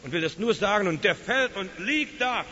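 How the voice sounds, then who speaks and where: A man preaching with a bright, ringing voice, pitched a little high, in a long-echoing hall. He tells his stories emphatically, sinking into quiet, hushed stretches and then climbing back to loud calls. The recording is dull, with a faint hiss behind him. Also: lively intonation, moderate pace. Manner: emphatic storytelling, dropping to hushed tones then rising. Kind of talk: sermon.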